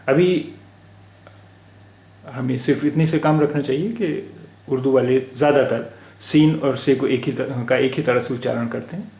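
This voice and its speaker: Slow, patient man teaching letters. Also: medium pitch, vocal fry, darkish tone. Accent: Indian Hindi-Urdu. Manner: patient, repeats each letter and word aloud. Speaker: language teacher. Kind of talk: slow spoken lesson. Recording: echoey room recording.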